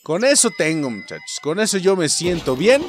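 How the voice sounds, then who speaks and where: A young Mexican man giving excited, swearing gameplay commentary and talking straight to his viewers. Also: fairly high pitch, moderate pace, soft background music. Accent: Mexican Spanish. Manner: animated, swears often, keeps addressing viewers as "muchachos". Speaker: gameplay streamer.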